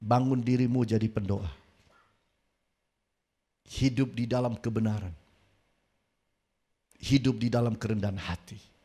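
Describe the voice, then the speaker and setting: A male pastor preaching a sermon, telling a story dramatically and rising to near-shouts at its peaks. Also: fairly low pitch, fairly even intonation, a little slow, pauses often, slightly rough.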